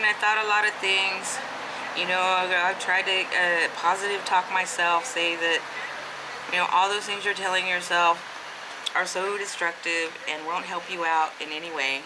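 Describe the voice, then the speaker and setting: A woman's voice: lowish voice, fairly even intonation, a little slow. Hesitant woman in her fifties, noisy deli. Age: 50s. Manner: hesitant, many filler ums and restarts. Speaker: artist vlogger. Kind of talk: casual vlog monologue. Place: at a neighborhood deli store, public spot. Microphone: handheld camera.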